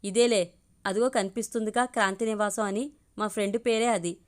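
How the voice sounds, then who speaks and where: A woman voicing a quick-tempered, spirited young woman in a spoken audio story. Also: medium pitch, steady tone, lightly acted. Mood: pleading.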